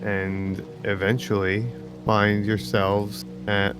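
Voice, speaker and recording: A man with a fairly low voice narrates a tabletop scene as game master, taking his time and filling pauses with "uh" and "um". Clear music plays under him. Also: monotone. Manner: slow, descriptive, with many fillers. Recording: background music.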